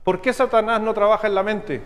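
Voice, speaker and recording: Chilean pastor guy, fairly high voice, preaching and teaching, keeps asking the crowd if they follow, long echo of the church hall. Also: fairly even intonation. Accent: Chilean Spanish. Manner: teaching preacher, checks in with the congregation with quick questions. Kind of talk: sermon. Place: church sanctuary.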